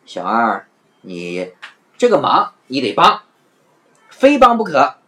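A woman voicing a clever, witty trickster man who teases and calls out loudly. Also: huge pitch swings, takes it slowly, full character voice. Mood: playful. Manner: playful, loud and high.

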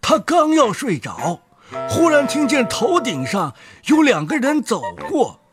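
Slow, lively storybook reader. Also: high voice, over music. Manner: slow, expressive, drawn-out phrases. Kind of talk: storybook reading.

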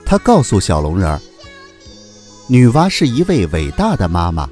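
A man narrating a children's story in a very animated, deliberate way. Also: lowish voice, faint music behind.

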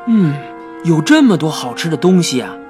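A woman's voice: sits low, sing-song, moderate pace, over music. A woman voicing a greedy, boisterous middle-aged father in a storybook reading. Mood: boastful. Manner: loud, boisterous, careless.

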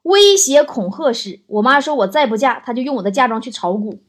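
A woman with a high, light voice hosts the show. She reads listener messages one after another and follows them with playful, teasing asides. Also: animated, fairly quick. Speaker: host. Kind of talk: reading out listener messages with comic remarks.

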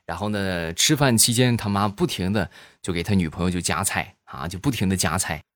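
A man telling comic stories in an animated, chatty way. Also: deep voice, a little fast, no echo, clean studio sound. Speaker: comedian telling jokes. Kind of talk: comic storytelling.

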